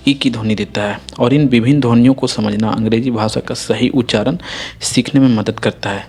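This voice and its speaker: A man teaching English pronunciation rules in a slow, repetitive classroom manner, checking in often with his students. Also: medium pitch, a little mellow, slightly rough. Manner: repetitive, explains step by step with frequent "ठीक है". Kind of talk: Hindi-medium phonics lesson.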